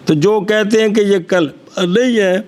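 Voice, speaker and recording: A man's voice: high voice, fairly even intonation, a little mellow. A man with a Punjabi accent teaching Arabic grammar in a classroom lecture, explaining in short phrases and prompting his students to repeat after him. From Punjab, Pakistan. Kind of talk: classroom lecture with call-and-response.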